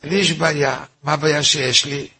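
A rabbi tells a long story during a Torah lesson, his voice fairly high and full of gravel. He has a husky, raspy edge. He repeats himself, poses his own rhetorical questions and breaks off to ask his listeners things. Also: fairly even intonation, sharp tone. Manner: repetitive, asks himself rhetorical questions, informal asides to listeners.

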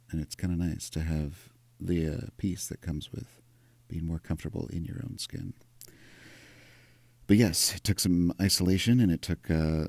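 A man's voice: sits low, vocal fry, darkish tone, no echo. A man, chatting casually and playfully to his audience in a sleepy, just-woken-up voice. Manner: playful, self-mocking. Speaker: vlogger. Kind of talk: casual direct-to-camera chat.

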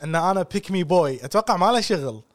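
A fast, animated man, chatting casually as a podcast co-host. His voice sits a little high and often drops into English phrases. The sound is dry and close, with no room around it. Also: no room sound.

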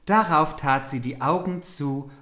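A podcast host reads an old fairy tale in a middle-pitched voice, stopping now and then to ask mock-naive questions about old words. The voice carries a roomy echo. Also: a little slow, pushed and bright. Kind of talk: comic fairy-tale reading and chat.

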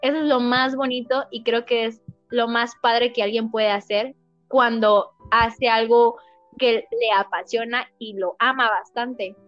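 A woman's voice: a little high, unhurried. A young woman with a Mexican accent, chatting animatedly as a podcast guest about her singing and dubbing, acting out quotes as she talks. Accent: Mexican Spanish. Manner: animated and expressive, acts out quotes. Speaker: podcast guest, singer and dubber. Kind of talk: casual chat. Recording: dull lo-fi sound, faint music.

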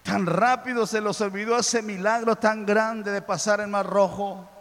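A pastor preaching with passion, his high voice climbing into loud, fervent cries. A long reverb of a big hall follows every phrase. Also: fairly even intonation, a little slow. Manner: impassioned, building to loud exclamations. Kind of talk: sermon.

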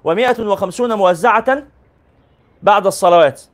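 A man's voice: sits high, fairly quick. A man teaching as a sheikh, reading a classical religious text aloud and explaining it in colloquial asides. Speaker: sheikh teaching a hadith book.

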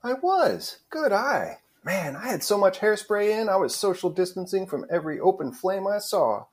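A man's voice: sits high, very animated, normal speed, pitched above the performer's own voice. A man doing a chirpy young woman with a Midwest twang. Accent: Midwestern American, put on. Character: playful young woman hired protester.

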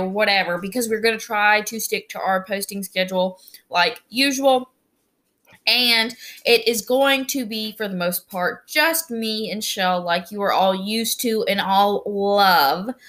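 A woman's voice: medium pitch, a bit bright. A young woman with a Southern US accent, hosting a casual solo podcast intro in a chatty, rambling, self-deprecating way. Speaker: podcast co-host.

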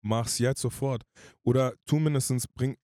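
A man telling his story as a podcast guest in casual, slangy speech, rushed and emotional. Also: medium pitch, steady tone, mellow, dry recording, studio quality. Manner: slangy, rushed and emotional, addresses the listener as "Bruder".

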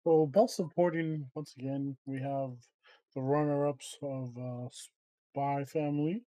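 A man's voice: medium pitch, steady tone, slow pace, warm tone, no echo, low-quality recording. A man co-hosting a podcast, chatting casually and correcting himself as he goes. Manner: rambling, self-correcting. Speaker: podcast co-host. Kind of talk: casual chat.

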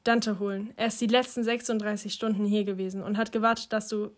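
A woman voicing a worried, practical middle-aged mother who speaks in a calm, low, gentle way. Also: fast, lightly acted.

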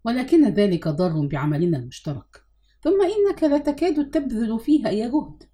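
A woman's voice: medium pitch, animated, brisk, warm tone, lightly acted. A woman reading a weary, serious brother. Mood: grave. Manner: grave, sorrowful.

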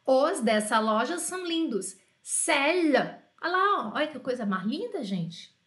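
A woman teaching French in a live online lesson, lively and coaxing, talking straight to her viewers by name. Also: sits high, measured pace, echoey room.

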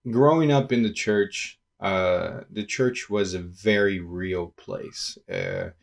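Low-voiced pastor, halting and thoughtful. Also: male voice, sing-song, vocal fry. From Peru. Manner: thoughtful, halting, many restarts and fillers. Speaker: pastor and community organizer. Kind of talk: casual interview talk.

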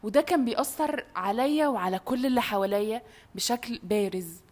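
Young Egyptian-accented woman, slightly high voice, casual reflective chat. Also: brisk, a little mellow. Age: young adult.

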